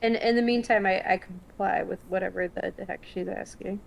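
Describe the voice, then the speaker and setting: A woman's voice: mid-range voice, fairly even intonation, a little fast, vocal fry, rough recording. A woman playing a tabletop game who drops wry, sarcastic asides between her moves. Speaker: player.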